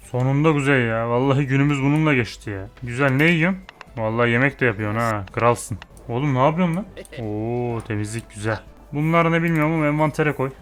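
A young man giving casual, excitable gameplay commentary, chatting to and scolding the game characters with playful swearing. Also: medium pitch. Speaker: gamer.

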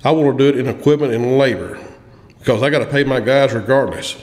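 This construction veteran speaks fast in a medium-pitched, darkish voice, dispensing practical advice plainly and restarting often. He's a guest on a podcast in a small indoor room with a table, recorded through a studio mic on a boom arm, the room echoing with long reverb.

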